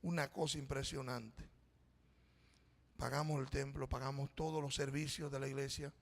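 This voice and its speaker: Speaking at medium pitch with fairly even intonation and vocal fry, a middle-aged pastor delivers a sermon at a moderate pace. He recounts a personal story conversationally, calling the congregation brothers, in a church whose hall sounds strongly reverberant.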